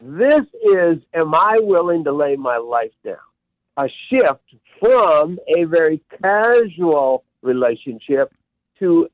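Slow, emphatic male guest coach. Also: on the high side, no room sound, dull audio. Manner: emphatic, repeats key words. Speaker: professional coach and ministry director, guest. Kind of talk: radio interview, teaching.

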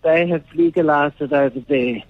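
A woman calling in to a radio show over a phone line, telling her story in an earnest, unhurried way with some hesitations. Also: low-pitched, breathy edge, dry recording. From South Africa. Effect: heard over a phone line. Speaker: radio caller. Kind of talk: call-in phone conversation. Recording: tinny narrowband phone line.

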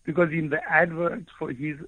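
A man, a guest author from South Africa who grew up speaking Afrikaans, shares his personal story in an earnest, reflective way, often breaking off and restarting as he looks for words. The pitch is a little high, the intonation fairly even, the speed normal. The recording is dry but sounds tinny and phone-like.

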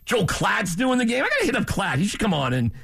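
A man's voice: high-pitched, wildly swooping pitch, fast talker, creaky, fairly bright tone, slightly rough. A male sports radio co-host in casual talk, upbeat and teasing his partner. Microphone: studio microphone.

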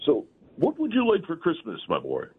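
A man playing a jolly old Santa Claus as a guest on a morning radio show, chuckling and fatherly as he gently scolds the children. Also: a little high, huge pitch swings, normal speed, a little hiss or hum. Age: older. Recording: phone line.

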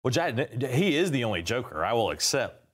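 A man, a guest attorney who tells stories in quick, animated casual chat. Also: mid-range voice.

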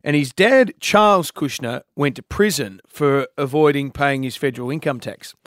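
A man's voice: medium pitch, moderate pace, a bit bright, no echo, studio quality. A man with an Australian accent hosting breakfast radio in a casual, chatty style. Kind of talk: casual on-air chat.

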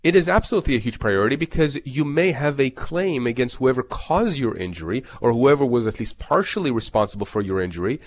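A man's voice: mid-range voice, expressive, fast, few pauses. A man giving explanatory legal advice as an expert on a talk show, stressing and restating his key points.

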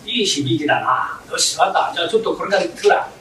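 A man playing an eager, rough-spoken young father in a comic story, heard from afar in a roomy, noisy hall. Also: a little high, lively intonation, racing, a bit bright, recorded from a distance.

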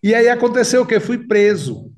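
A man with a Paraíba Northeast Brazilian accent tells his life story in a casual interview. His voice sits high and swings widely, and he acts out the people he quotes. He is recorded a little away from the microphone. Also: lively intonation, moderate pace, darkish tone, distant mic.

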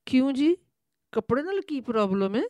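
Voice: high voice, expressive, darkish tone, dry recording, voice pushed up. A storyteller voicing a chirpy, talkative village woman servant. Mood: cheeky.

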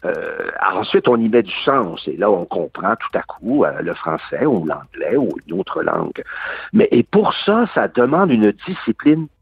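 A man's voice: fairly low pitch, normal speed, creaky, slightly rough, no room sound, lo-fi sound. A man in his sixties with a Québécois accent, an actor guest talking at length in a radio interview. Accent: Québécois French. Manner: animated, long-winded monologue.

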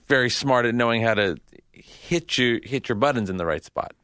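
A man's voice: medium pitch, animated, normal speed, sharp tone, clear, resonant tone, dry recording, clean studio sound. A man, the show's executive producer, chatting casually with wry joking asides. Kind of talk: casual studio chat. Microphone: studio mic.

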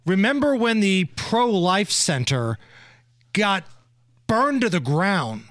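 A man with a high-pitched voice hosts a talk show. He comments in a wry, mocking, conversational way. The sound is dry, with no room echo. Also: very animated, slow pace, fairly bright tone.

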